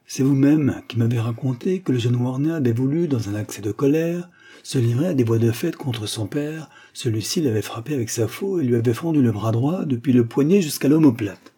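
A man reading the part of a calm, confident detective in an audiobook, explaining steadily. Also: medium pitch, a little fast, breathy edge. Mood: assured. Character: calm, confident male detective, sharp-minded.

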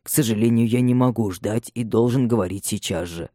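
Серьёзный управляющий имением почтительно и приглушённо рассказывает о несчастье, его читает мужчина. Голос тёмный и мягкий, запись сухая и близкая. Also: male voice, medium pitch, a little fast, mellow, no echo, studio quality, natural voice. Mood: grave. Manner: subdued, respectful. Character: grave male estate steward bearing bad news.

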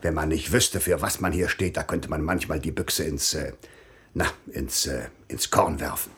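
A man's voice: very deep voice, moderate pace, fairly bright tone. An actor playing a pompous, self-important male village magistrate in a classic radio play, blustering and lecturing. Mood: self-pitying.

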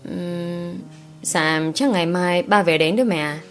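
A woman's voice: fairly low pitch, slow, soft background music. A woman voicing a young unmarried daughter who coaxes and pleads with her mother. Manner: whiny, coaxing.

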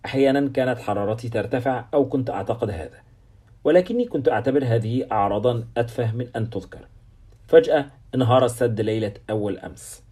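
Audiobook: man voicing scared, shaky sick doctor, husky. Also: medium pitch, fast, warm tone, natural voice. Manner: shaky and fearful. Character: frightened male Scottish doctor, sick patient.

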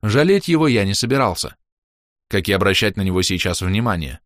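Expressive male audiobook narrator. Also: fairly low pitch, brisk, no room sound, clean studio sound. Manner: expressive, acts out the dialogue.

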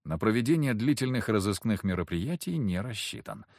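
Husky male audiobook narrator. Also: fairly low pitch, expressive, fairly quick, darkish tone, dry recording, clean studio sound. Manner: terse, wry, clipped sentences. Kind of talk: first-person fantasy audiobook narration.

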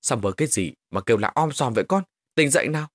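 A man's voice: medium pitch, lively intonation, fast talker, no echo, clean studio sound, close to an everyday voice. A man doing a worried village father. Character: worried father waking his son.

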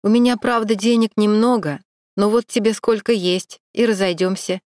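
A woman's voice: medium pitch, steady tone, normal speed, a little mellow, dry recording, clean studio sound, natural voice. A woman voicing a nervous male security guard who mumbles, pleads and dodges.

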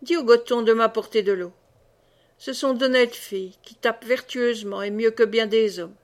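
Woman reading as a gruff boastful wounded monk. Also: on the high side, fairly even intonation, normal speed, natural voice. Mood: blustering. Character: boisterous wounded old monk, boastful storyteller.

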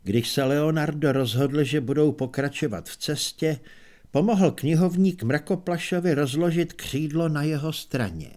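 A man narrating an audiobook in an expressive storytelling manner. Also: on the high side. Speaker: audiobook reader. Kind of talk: scripted narration.

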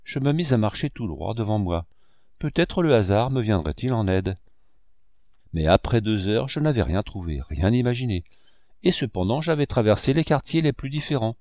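Low-voiced male audiobook narrator. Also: lively intonation, a little mellow, no room sound, studio quality. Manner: measured storytelling.

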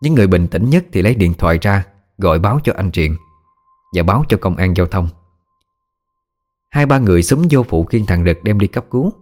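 A man narrating a ghost story in a steady, plain way. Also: deep voice, brisk, long pauses.

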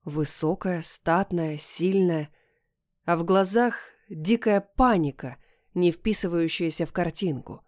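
A woman's voice: fairly low pitch, dark tone, no echo. Woman narrating a story, dry close sound. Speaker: audiobook narrator. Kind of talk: first-person storybook narration.

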